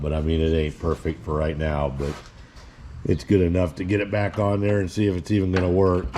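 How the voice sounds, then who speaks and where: A deep-voiced man talks his way through a repair job in his garage, plain-spoken and rambling, stopping and restarting as he works. A faint hiss of noise sits under his voice. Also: dark tone. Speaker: hobby mechanic and channel host. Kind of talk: casual narration while working on a car. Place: home garage.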